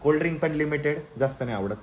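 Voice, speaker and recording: Man, rapid talk, echoey room, faint background hum. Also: fairly high pitch. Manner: fast, joking, bossy big-brother tone. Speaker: vlogger. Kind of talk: casual family vlog chat.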